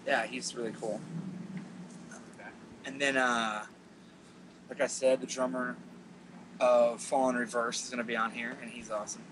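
Laid-back, deadpan man. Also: medium pitch, normal speed, long pauses, background noise. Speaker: podcast host. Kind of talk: casual podcast chat.

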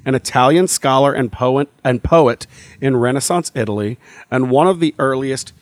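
A man's voice: mid-range voice, normal speed, no echo, clean studio sound. A man co-hosting a podcast, chatting casually and thinking aloud with many fillers and restarts. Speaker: podcast co-host. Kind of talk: casual chat.

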